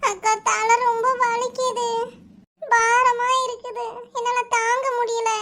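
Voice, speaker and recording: A woman's voice: very high voice, level tone, slow, sharp tone, voice pushed up, exaggerated voice. A woman voicing a sick teenage girl in a cartoon, speaking faintly and weakly with a Kanyakumari Tamil accent. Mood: weak, ailing.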